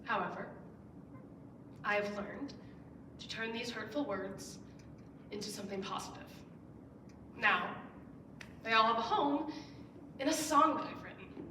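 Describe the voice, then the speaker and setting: A young woman in her late teens, a student, speaks earnestly from a school stage in a persuasive speech, her fairly high voice pushed and bright. She's unhurried, leaves long pauses and lifts key words with emphatic rises. A little hiss or hum sits under the echoey, distant recording.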